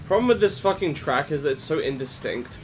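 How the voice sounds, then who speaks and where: A man's voice: on the high side, lively intonation, brisk, soft background music. A young man chatting casually on a game stream, swearing offhandedly and laughing often. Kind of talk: casual gaming stream chat.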